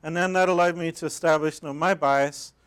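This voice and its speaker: A man with a Northern Irish accent, an academic librarian giving a measured, explanatory conference talk. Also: fairly high pitch, steady tone, fairly bright tone, smooth. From Northern Ireland. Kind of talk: conference presentation.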